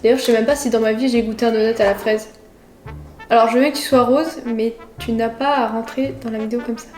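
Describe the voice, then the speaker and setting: A young female vlogger chats and giggles with her viewers while eating on camera in her home kitchen for a casual food challenge vlog. Her voice is on the high side, slightly mellow, steady in tone and quick in pace. The room is echoey, with music playing in the background.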